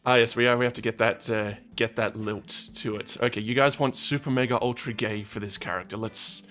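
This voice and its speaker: A man's voice: mid-range voice, steady tone, a little fast, fairly bright tone, soft background music. A man streaming a video game, chatting playfully and teasing his viewers. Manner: playful, teasing, laughs often. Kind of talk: casual game stream chat.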